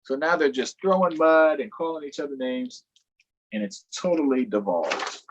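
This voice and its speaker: This storytime host animatedly reads a children's book, breaking off for playful remarks to the kids listening. He speaks on the high side at a moderate pace, over dull audio and a noisy background.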